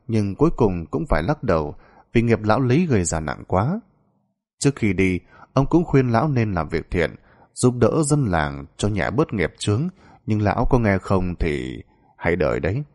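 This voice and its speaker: A man narrating a dark folk tale in a dramatic, expressive storytelling style. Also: on the low side.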